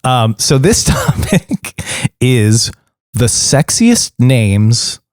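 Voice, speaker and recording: Animated laughing podcast co-host man. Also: mid-range voice, very slow, dry recording, clean studio sound. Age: 30s. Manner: playful, laughs often, animated game-show patter. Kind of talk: casual podcast chat.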